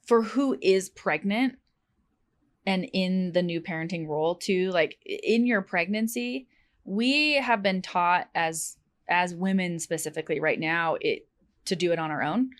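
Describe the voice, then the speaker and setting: A woman co-hosting a podcast, talking casually and telling stories in an animated way. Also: lowish voice, measured pace. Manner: animated storyteller acting out quotes. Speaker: podcast co-host. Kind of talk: casual chat.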